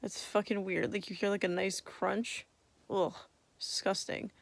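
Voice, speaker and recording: A young woman talks casually to her vlog after wisdom teeth removal, with a lisp from her swollen mouth. Her voice is creaky and drowsy, at an ordinary pitch, recorded close and dry. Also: fairly even intonation, measured pace, no echo. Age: young adult. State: tired, drowsy from medication. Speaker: vlogger. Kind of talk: casual chat.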